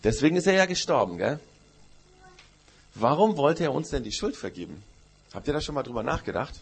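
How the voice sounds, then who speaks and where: A man's voice: a little high, sing-song, fairly quick, breathy edge. A man, a pastor telling a Bible story to children in church, with many questions to them. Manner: storytelling to children, asks questions, uses "gell".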